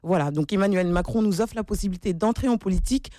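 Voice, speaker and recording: A woman's voice: medium pitch, fast talker, mellow, dry recording, clean studio sound. A woman, a political candidate, answering questions in a radio interview, earnest and at times hesitant with fillers. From Senegalese heritage.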